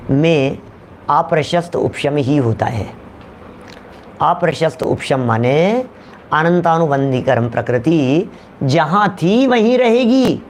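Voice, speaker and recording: A man's voice: sits high, slight background noise. A man lecturing a class on scripture, repeating his points and calling on listeners by name, often asking whether they follow. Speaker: teacher of scripture.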